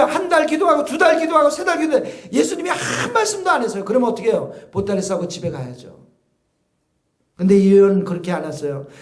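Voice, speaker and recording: A male pastor preaching a sermon with impassioned, shouted peaks. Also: very high-pitched, reverberant. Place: church.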